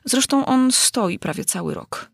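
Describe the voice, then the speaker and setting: A woman's voice: on the high side, expressive, unhurried, gravelly, slightly rough, dry recording, studio quality, voice pushed up, full character voice. A woman voicing a curious, polite young girl who asks earnest, prim questions in a storybook reading.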